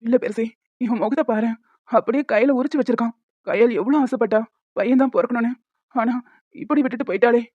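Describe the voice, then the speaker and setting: Tender and tearful, a heartbroken young father as a woman plays him coos softly to his newborn in a fairly high voice. The recording is dry and close, with a slightly muffled, lo-fi sound. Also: fast, pauses often, no echo, natural voice. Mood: grieving. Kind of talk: amateur animated drama.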